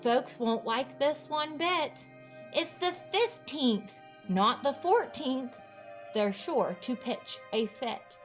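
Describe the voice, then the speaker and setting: A woman's voice: sits high, expressive, takes it slowly, faint music behind, voice pushed up. A woman reading a children's storybook, voicing a sad, worried, apologetic little girl with a small voice. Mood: worried, reluctant. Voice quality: small, tiny voice. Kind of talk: children's storybook read aloud.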